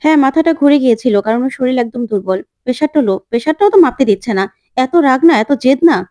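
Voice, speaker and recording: A woman's voice: high-pitched, expressive, very fast, warm tone, dry recording. A woman voicing an earnest young fiancé. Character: young man, caring fiancé, insistent.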